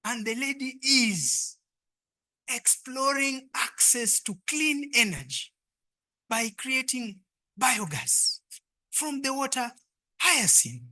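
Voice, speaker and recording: A woman hosting a live pitch competition, exhorting the audience and repeating her instructions. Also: animated, slow, pauses often, sharp tone. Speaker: event host and emcee. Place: live event before an audience.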